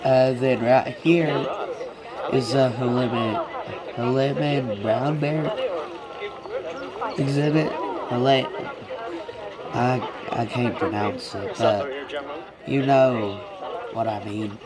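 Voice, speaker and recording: A man with a congested, sick-sounding nose talks very slowly through an unscripted game tour. His delivery is casual and halting, at a medium pitch. A crowd is clearly audible behind him. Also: steady tone. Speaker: gamer giving a video game tour. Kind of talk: casual rambling game walkthrough.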